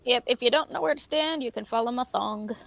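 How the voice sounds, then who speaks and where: Bright high-voiced woman calling out raid mechanics. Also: creaky. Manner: brisk, teasing callouts. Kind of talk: casual game voice chat.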